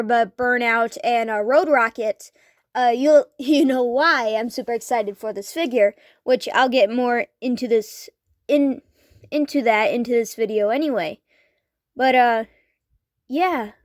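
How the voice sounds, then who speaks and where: A woman's voice: a little high, no echo, clean studio sound. A woman in her thirties giving a casual toy review, eager and rambling, with lots of fillers and restarts. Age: 30s.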